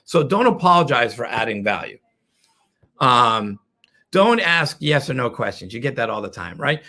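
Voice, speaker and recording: A middle-aged sales trainer with a medium-pitched voice teaches a webinar in an animated, playful way. As he explains, he slips into quick mock voices of callers.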